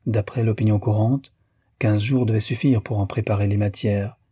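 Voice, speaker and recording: A man reading a classic novel aloud in a measured, even storytelling manner. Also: fairly low pitch, breathy edge, dry recording, clean studio sound. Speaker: audiobook narrator. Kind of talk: scripted literary narration.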